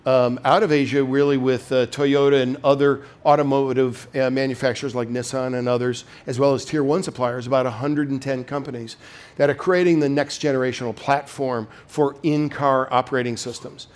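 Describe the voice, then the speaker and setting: A man's voice: medium pitch, fairly even intonation, a little fast. A man speaking as a chief executive in a corporate keynote, with polished, salesmanlike enthusiasm and frequent ums and repeated words. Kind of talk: corporate keynote presentation to an audience.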